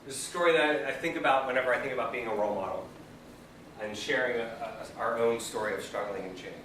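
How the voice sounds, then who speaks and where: A man's voice: mid-range voice, fast talker, a bit bright. A man leading a peer education training session in a training room, speaking energetically and asking the group questions. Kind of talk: classroom training lecture. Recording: echoey room, mic far off, background noise.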